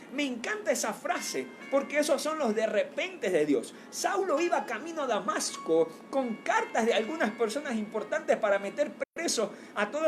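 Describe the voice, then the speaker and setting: Earnest woman preaching over soft music. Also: sits high. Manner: slows down and swells louder when quoting scripture; earnest, often corrects own slips aloud. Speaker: pastor. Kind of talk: sermon. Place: church, streamed to online viewers.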